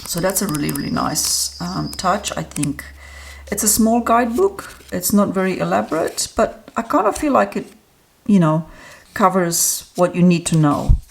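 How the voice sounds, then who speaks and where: A woman's voice: lowish voice, animated, moderate pace, creaky. A woman talking casually and chattily to her viewers as she reviews an oracle card deck, with frequent ums. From Australia. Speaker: tarot reader and deck reviewer. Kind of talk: casual solo review talk.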